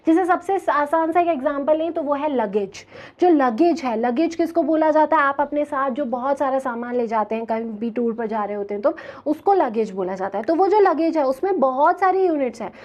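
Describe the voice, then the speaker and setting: A woman teaching an English grammar lesson, explaining slowly and asking her students questions as she goes. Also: high voice, expressive, darkish tone. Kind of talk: classroom grammar lecture.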